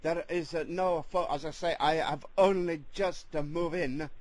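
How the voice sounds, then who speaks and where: A man's voice: a little high, steady tone, no echo, close to an everyday voice. A man voicing a hesitant Italian ex-convict who speaks broken English with an Italian accent and many fillers. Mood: bumbling. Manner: halting, full of uh fillers, broken grammar. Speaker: prank caller. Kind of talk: prank phone call in character.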